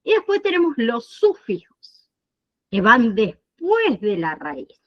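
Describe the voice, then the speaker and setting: A woman instructor teaching an online nursing class, explaining slowly and often pausing to check that students follow. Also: on the high side, huge pitch swings, dull audio. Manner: explains slowly, checks understanding with frequent "¿sí?" and "¿bien?".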